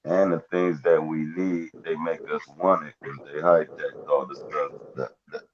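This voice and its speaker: A man talking casually over a headphone mic that sounds muffled, as if heard from behind a wall, in a relaxed, slang-heavy, rambling way. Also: very deep voice, moderate pace. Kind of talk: casual conversation over a call. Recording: muffled lo-fi mic with faint noise.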